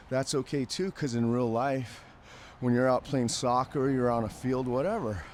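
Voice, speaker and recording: An older man calmly explaining an exercise while he demonstrates it, talking through the movement step by step. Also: medium pitch, a little hiss or hum. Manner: calm, explanatory, thinks aloud between movements. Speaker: fitness coach.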